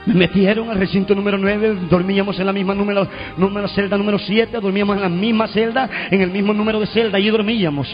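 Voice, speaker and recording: High-voiced preacher giving a fervent testimony, dull lo-fi recording, faint music behind. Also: male voice, steady tone, fast, few pauses. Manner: shouts proclamations, storytelling with call and response.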